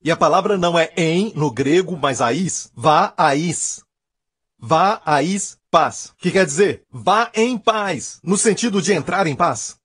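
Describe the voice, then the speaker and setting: A man's voice: on the high side, measured pace, fairly bright tone, slightly rough, no room sound, studio quality. A man preaching a sermon as pastor, emphatic and repeating his key phrases.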